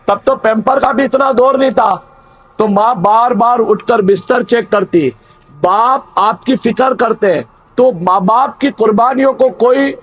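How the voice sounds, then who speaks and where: A man's voice: very high-pitched, fairly bright tone, husky, no room sound. A man in his thirties, a preacher giving an earnest religious talk on parenting, repeating his key phrases.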